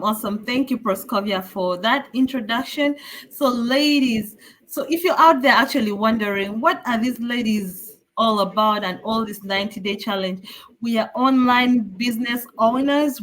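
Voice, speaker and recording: A woman's voice: on the high side, fairly bright tone. A woman from Uganda hosting a live online talk show in an upbeat, welcoming way. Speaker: host.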